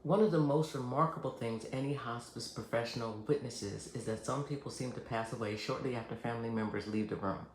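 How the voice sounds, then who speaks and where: A man with a creaky, gravelly voice presents scripted educational material as a hospice nurse. His delivery is measured, earnest and reassuring. The recording is roomy and echoing, with faint noise behind him. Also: medium pitch. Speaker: hospice nurse and channel host. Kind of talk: scripted educational narration to camera.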